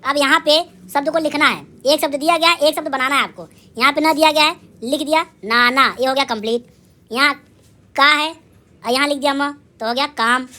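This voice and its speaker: Woman schoolteacher, bright ringing voice; quizzes children and answers herself, cheering them on. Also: high-pitched, steady tone. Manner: asks and answers her own questions; drawn-out sounding of syllables. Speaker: primary school teacher. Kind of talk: lively recorded lesson for young children.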